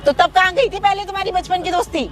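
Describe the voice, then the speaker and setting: A woman's voice: steady tone, quick pace, faint music behind. A woman acting a scheming wife who coaxes and threatens her husband's younger brother in a staged outdoor skit. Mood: coaxing, threatening. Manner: threatening, coaxing, shrill when scolded. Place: outdoors in a park.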